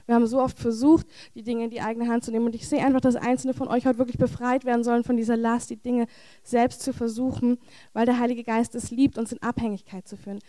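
A woman's voice: a little high, little pitch movement, fast talker, warm tone, dry recording. A woman preaching a heartfelt charismatic sermon in a church, with earnest, repetitive phrasing.

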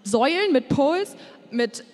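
A woman's voice: high-pitched, very animated, a little mellow. A woman interpreting a sermon live, phrase by phrase, with the occasional hesitation while she searches for a word. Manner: quick, with hesitations, echoes the preacher's acted voices. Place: church hall. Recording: reverberant church hall.

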